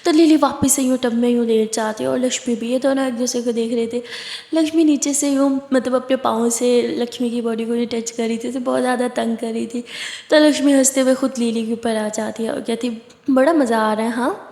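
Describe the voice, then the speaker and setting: A woman's voice: fairly high pitch, steady tone, brisk, dark tone. Chatty woman telling a story, echoey room. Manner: chatty, conversational, with fillers. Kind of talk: casual spoken storytelling. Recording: roomy echo with long reverb.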